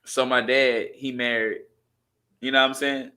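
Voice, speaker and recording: A man with a bright, forceful voice speaks earnestly as a podcast co-host, stopping to find his words. His voice sits at an ordinary pitch. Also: flat delivery, moderate pace. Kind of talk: casual podcast chat.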